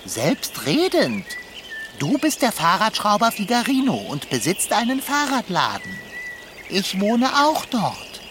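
A grumpy, lordly tomcat from a children's radio play whines and drawls at a slow pace. His pitch swings widely as he talks. Outdoor nature ambience with birds and animals is clearly heard behind him. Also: wildly swooping pitch, noisy background, heavily acted. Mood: grumbling. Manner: whiny and lordly, fussy word choice. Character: grumpy, pompous talking tomcat.

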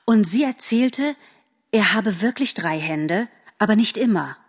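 A woman's voice: mid-range voice, lively intonation, unhurried, husky, in a large hall. A woman reading an audiobook aloud, voicing a polite, shy young male forest animal who speaks a little hesitantly. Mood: earnest.

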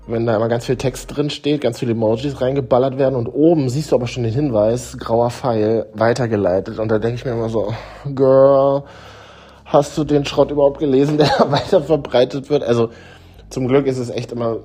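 A man's voice: medium pitch, fairly even intonation, brisk, dark tone, breathy edge. Wry, chatty man on a phone memo. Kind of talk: casual voice memo. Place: at home on a couch.

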